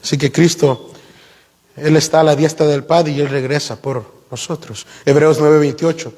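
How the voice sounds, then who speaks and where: A man delivers an expository sermon in a high, ringing voice. He climbs higher and louder to stress his main points and keeps asking the congregation questions. The church hall gives his words a long reverb tail. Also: fairly even intonation, normal speed. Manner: emphatic, rises in pitch for key points; asks the congregation rhetorical questions. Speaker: preacher. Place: church sanctuary.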